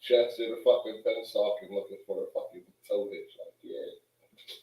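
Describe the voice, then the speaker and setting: A man's voice: on the low side, fairly even intonation, normal speed, dark tone. A man chatting casually in slangy, profane language. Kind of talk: casual chat. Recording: echoey room, distant microphone.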